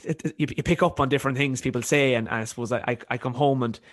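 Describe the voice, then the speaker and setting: A man in his early twenties with a softened Cavan Irish accent, speaking reflectively in an interview and repeating words as he thinks. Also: mid-range voice, fairly even intonation, very fast, no echo, studio quality. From County Cavan, Ireland. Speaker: podcast guest, university student.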